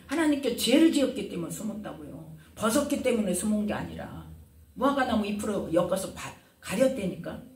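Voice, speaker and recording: A woman pastor preaching a sermon. She keeps firing rhetorical questions at the congregation, and her voice rises and falls sharply in loudness. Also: mid-range voice, a little hiss or hum. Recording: roomy sound from a distant mic.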